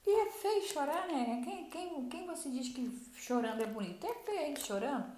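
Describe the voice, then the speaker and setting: A woman's voice: high voice, lively intonation, normal speed, a little mellow. A woman giving earnest Bible teaching in a sermon style, repeating herself and restarting often. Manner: earnest, repetitive, with many restarts. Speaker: Bible teacher at a church program. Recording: roomy echo.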